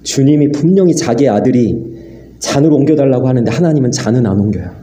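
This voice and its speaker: A man's voice: mid-range voice, expressive, quick pace, dark tone. A man preaching an earnest sermon as pastor, acting out prayers and God's replies. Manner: earnest, acts out dialogue with God. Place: church sanctuary. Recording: echoey church hall.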